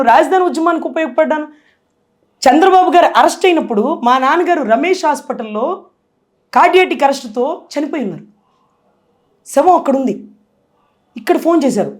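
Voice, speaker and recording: Woman guest, high voice, rapid and impassioned delivery for a political interview. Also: expressive. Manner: impassioned, forceful, tearful at times.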